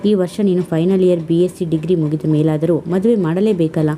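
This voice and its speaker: A stern, desperate middle-aged father, pleading with his daughter as a female storyteller puts him on. The voice stays low and dark, in a storybook reading. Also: steady tone, fairly quick, slight background noise, natural voice.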